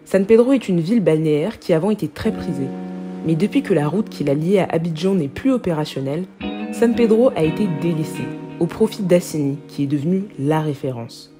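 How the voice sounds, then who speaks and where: Woman host, low voice, calm scripted voice-over, clear music underneath. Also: fairly quick. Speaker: vlog host and narrator.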